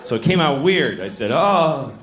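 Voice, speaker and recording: A man's voice: lowish voice, animated, normal speed, a faint crowd, slight background noise. A middle-aged man performing stand-up comedy, telling dry, self-mocking stories and slipping into acted-out voices. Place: live comedy venue. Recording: echoey venue with loud audience laughter.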